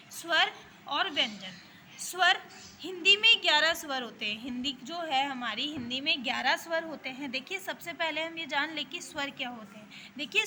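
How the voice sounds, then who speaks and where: A woman's voice: high-pitched, sharp tone, slight background noise. A woman with an Indian accent, a school teacher, giving a grammar lesson to young children and explaining each point patiently, over and over. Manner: patient, repetitive explaining with frequent checks.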